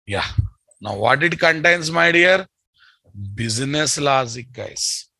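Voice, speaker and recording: Male tech trainer, Telugu Indian accent, slow and deliberate with a sharp edge, drilling the class by repetition. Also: on the high side, animated, creaky, no room sound. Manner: blunt, scolding, repeats phrases and questions the class. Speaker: programming instructor. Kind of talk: live technical lecture.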